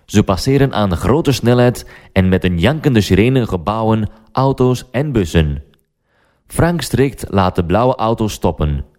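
A man narrating a story for language learners, slow and deliberate. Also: on the low side, expressive, a little mellow.

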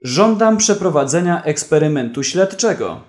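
A man voicing a brash male prisoner who shouts out loud, excited accusations in a read-aloud story. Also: a little high, normal speed, close to an everyday voice. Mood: insistent.

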